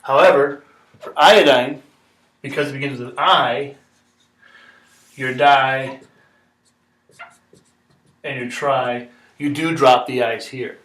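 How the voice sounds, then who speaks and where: A man's voice: medium pitch, steady tone, slow pace, pauses often, a bit bright. Male teacher, patient step-by-step explainer; echoey classroom, distant mic. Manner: patient, repeats steps, checks in with "okay?". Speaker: chemistry teacher. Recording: echoey room, mic far off.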